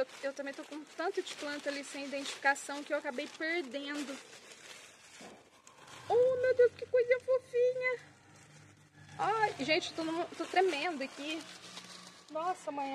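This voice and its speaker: A woman's voice: high-pitched, fairly bright tone, a little hiss or hum. A woman with a Brazilian Portuguese accent, unboxing plants for her vlog in an effusive, exclaiming way, often turning to her viewers. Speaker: plant vlogger.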